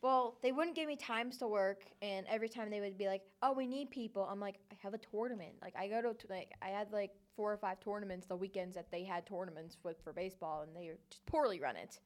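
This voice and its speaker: A young woman chats casually on a student radio show at a middle pitch. She rambles and leans on filler words as she talks. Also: fast, hardly any pauses. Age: young adult. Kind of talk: casual chat.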